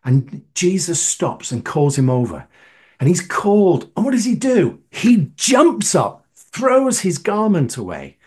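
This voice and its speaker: Slow, husky preacher. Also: male voice, on the high side, darkish tone. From northern England. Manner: asks the listeners questions, emphatic. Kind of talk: sermon.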